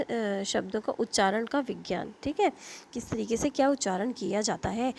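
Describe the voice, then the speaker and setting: An Indian woman teaches an online linguistics class through a computer mic. Her voice sits a little high, and she explains step by step with fillers and self-corrections. She checks in with "okay?" as she goes, over a faint background hiss. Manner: explains in Hindi mixed with English terms, frequent fillers and self-corrections. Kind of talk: online lecture.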